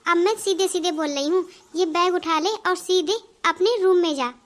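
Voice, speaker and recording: A woman voicing a proud, stubborn older mother-in-law in a cartoon, nagging and lecturing in a very high voice. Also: normal speed, fairly bright tone. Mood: scolding. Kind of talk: Hindi cartoon voice acting.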